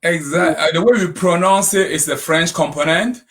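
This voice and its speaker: A man from Cameroon, a guest in a casual interview, talking in a relaxed way with frequent tag questions. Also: fairly high pitch, normal speed. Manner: relaxed, frequent "you know", "right".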